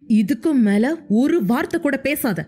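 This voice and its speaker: A woman's voice: high voice, lively intonation, measured pace, a little mellow, slightly rough, heavily acted. A woman reading an angry hurt young husband. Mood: angry pleading. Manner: heated, insistent questioning.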